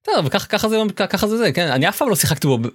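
A man with an Israeli accent chatting casually about games as a podcast co-host, in a hesitant, halting way. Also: sits high, big pitch swings, husky, dry recording, clean studio sound. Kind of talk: casual gaming chat.

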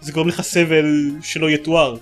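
A man's voice: fairly high pitch, flat delivery, music in the background. A man co-hosting a casual gaming podcast, talking eagerly and rambling with many fillers. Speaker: podcast co-host.

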